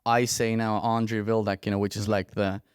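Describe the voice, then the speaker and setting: A man hosts a podcast, his voice smooth and clear. The sound is dry and close. He asks questions in a friendly, easygoing way, full of fillers. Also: on the low side, little pitch movement, a little fast, no room sound. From Estonia. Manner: friendly, laughs easily, many fillers. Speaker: podcast host. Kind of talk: casual interview chat.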